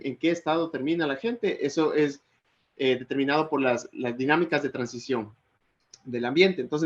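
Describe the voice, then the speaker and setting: A man's voice: on the high side, muffled recording. A man from Ecuador giving an online technical lecture, hesitating often with fillers and restarts.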